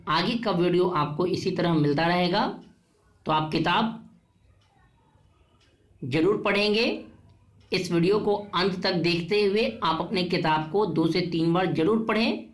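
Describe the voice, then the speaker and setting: A woman's voice: lowish voice, unhurried. Patient woman teacher reciting word lists. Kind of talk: online class lesson.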